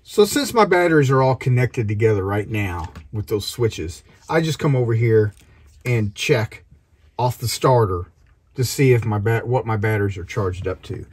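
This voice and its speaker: This is a how-to narration from a man in his fifties who vlogs about sailing, rambling with frequent restarts while explaining chores aboard his boat. His voice is on the low side, expressive and a little mellow, with a breathy edge and moderate pace. Engine and wind noise run underneath, first in the cabin and later on the open deck outdoors.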